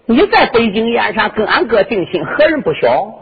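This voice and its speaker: A sly young male servant clown whines and fake-sobs in a folk storytelling show, played by a man. His voice leaps high and all over the place, rough and husky. The old recording is dull, with a long hall echo. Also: big pitch swings, normal speed, exaggerated voice. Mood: protesting. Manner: whiny, wails in mock crying. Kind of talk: traditional sung storytelling with dialogue.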